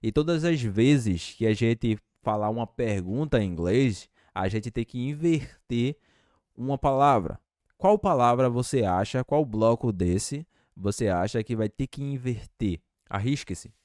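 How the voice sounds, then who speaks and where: A man teaching English in a lesson, slowly repeating example phrases. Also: medium pitch, animated, a little mellow, no room sound, clean studio sound. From Brazil. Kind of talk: language lesson.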